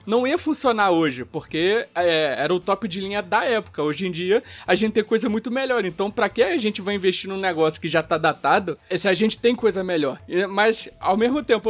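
A man with a Brazilian Portuguese accent chatting casually as a podcast panelist, in a slangy, profane, animated way. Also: high-pitched, highs cut off. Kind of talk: casual chat.

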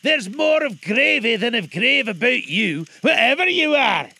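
A shrill, panicky old miser, as a man telling the story puts him on, whose voice leaps high and loud as he blusters. The tone is bright and tense, with wild jumps in pitch. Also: sing-song, unhurried, gravelly, dry recording, heavily acted. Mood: blustering.

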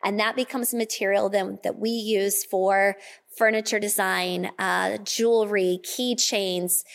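A woman's voice: medium pitch, fairly even intonation, measured pace, creaky. A woman giving an informal spoken presentation as a school official at a meeting.

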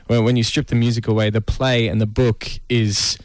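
A man's voice: fairly low pitch, flat delivery, normal speed, dry recording. A man, a musical theatre actor, talking enthusiastically and casually in a radio interview.

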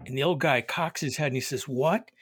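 Male panelist, mid-pitched, dry close sound, tells a joke slowly and wryly. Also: fairly bright tone, breathy edge, dry recording. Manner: wry storyteller, deliberate. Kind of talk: casual panel discussion.

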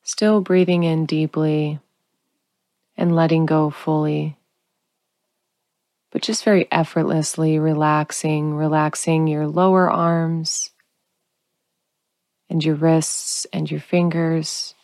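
A woman guiding a sleep meditation in a calm, soothing, unhurried sleep-story narrator manner, leaving long pauses. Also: low voice, no echo, clean studio sound. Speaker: guided relaxation narrator.

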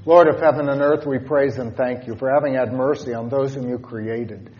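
A man leading congregational prayer as a pastor, solemnly, in measured phrases with pauses. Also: medium pitch, fairly even intonation, muffled recording, over loud music.

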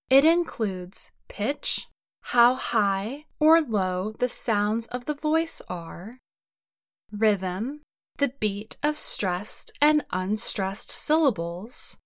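A woman reading a scripted report with slow, careful, measured and explanatory delivery. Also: fairly high pitch, dry recording, clean studio sound. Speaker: narrator of a learning-English news report.

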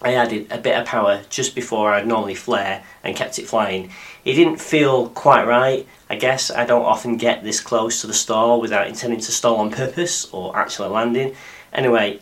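A man with a deep, croaky voice, hoarse from illness, presenting a scripted podcast narration as a pilot and host. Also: normal speed, fairly bright tone. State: croaky after a week of flu-like illness.

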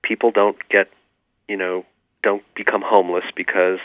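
A man's voice: deep voice, flat delivery, normal speed, no room sound. A man, an author being interviewed, explaining his views earnestly and with many fillers. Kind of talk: remote radio interview. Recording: tinny phone line.

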